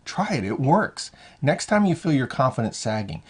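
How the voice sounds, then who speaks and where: A man with a slightly husky, breathy voice coaches young hockey players on confidence in a relaxed motivational vlog. He speaks in a conversational, encouraging way, dropping in "you know" and restarting phrases as he goes. His pitch sits in an ordinary middle range. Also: normal speed. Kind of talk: motivational talk to camera.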